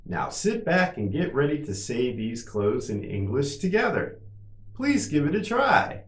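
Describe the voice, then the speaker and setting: A man hosting an English lesson, saying each clothing word slowly three times with the last one rising high. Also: big pitch swings, reverberant. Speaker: English teacher, channel host. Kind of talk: slow pronunciation drill.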